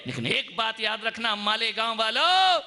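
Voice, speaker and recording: A man preaching a sermon as a Jain monk. He moves from soft, low asides to loud, high shouted peaks, and he acts out voices in his stories. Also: big pitch swings, moderate pace.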